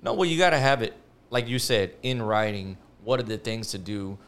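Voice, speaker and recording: A man's voice: lowish voice, lively intonation, normal speed, a bit bright, clean tone. A man who runs a refinishing business, chatting on a podcast with short, blunt remarks. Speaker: bathtub refinishing business owner. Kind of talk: casual podcast chat.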